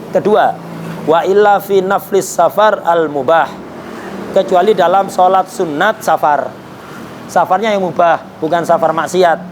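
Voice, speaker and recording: A man teaching a religious law lesson. His voice sits a little high, and he talks casually, asking himself questions and cracking jokes. Faint noise hums behind him. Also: darkish tone. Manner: conversational, rhetorical questions, jokes. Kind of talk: Islamic jurisprudence lesson.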